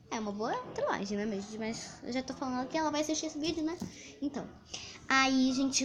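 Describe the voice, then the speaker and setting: Woman from Brazil, casual prank vlogger; talkative, filler-heavy, slightly high voice; crowd noise behind. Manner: chatty, talks straight to viewers, many fillers.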